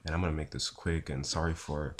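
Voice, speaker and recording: A young man talking casually to camera in a low, unhurried, low-energy voice with a husky, just-woken sound. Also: fairly even intonation. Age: young adult. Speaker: vlogger, pre-med student. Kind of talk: casual talk to camera answering viewer questions.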